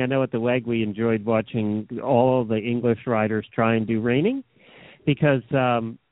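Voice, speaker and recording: A man's voice: mid-range voice, dry recording. A man co-hosting a radio show, easygoing and joking as he chats. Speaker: radio co-host. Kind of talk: casual radio chat. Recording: tinny phone-line sound, dry.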